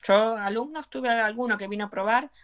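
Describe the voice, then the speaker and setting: An Argentine belly dance teacher speaks in a conversational interview with an Argentine Spanish accent, her voice fairly high, clear and resonant at a moderate pace. She talks earnestly and encouragingly, using frequent fillers.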